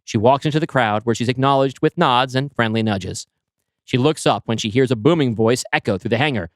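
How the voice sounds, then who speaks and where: A man shares his own screenplay with his podcast co-host, acting out scenes in a spirited storytelling manner peppered with fillers. The voice is mid-range and brisk, recorded cleanly in a studio without any echo.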